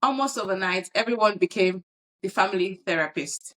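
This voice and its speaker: A woman's voice: mid-range voice, a little fast, fairly bright tone, rough recording. A woman hosting a casual podcast, playing a judge in a mock courtroom with a playful, mock-formal way of talking and frequent laughs.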